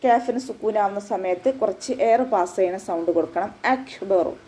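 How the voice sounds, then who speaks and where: Mellow-voiced woman teaching recitation. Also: mid-range voice, brisk, low-quality recording. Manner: patient step-by-step instruction, with frequent checks for understanding. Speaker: Quran teacher. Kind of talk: recorded tajweed lesson.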